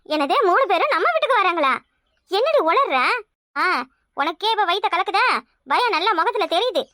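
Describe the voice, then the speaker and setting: A brash, scheming village mother, played by a woman, in a cartoon, scolding and coaxing her daughter in a Kanyakumari Tamil accent. Her voice is pitched very high and sounds sharp and bright. It is recorded close and dry. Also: lively intonation, normal speed, no room sound, heavily acted. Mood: bossy. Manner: loud, scolding yet doting.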